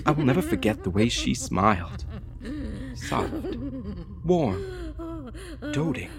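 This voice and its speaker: A man's voice: mid-range voice, huge pitch swings, slow pace, vocal fry, a crowd in the background, heavily acted. A man voicing a frightened captive soldier narrating. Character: frightened young male soldier held captive. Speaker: first-person narrator. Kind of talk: audio drama narration.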